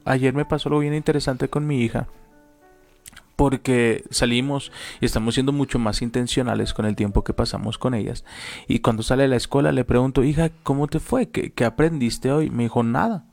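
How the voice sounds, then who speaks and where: Gravelly-voiced man giving a motivational talk. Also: mid-range voice, fairly even intonation, fairly quick, a little mellow. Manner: speaks with repetition and emphasis, tells personal stories. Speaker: co-host of a faith talk show.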